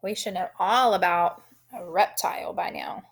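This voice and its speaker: A woman teaching a phonics lesson, sounding out letters and syllables in a deliberate, encouraging way. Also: lowish voice, fairly even intonation, vocal fry, breathy edge.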